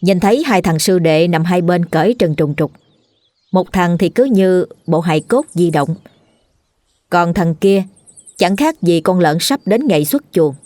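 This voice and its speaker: A woman narrating a comic ghost story in a lively storytelling manner. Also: on the low side, unhurried, no room sound. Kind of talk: dramatic storytelling.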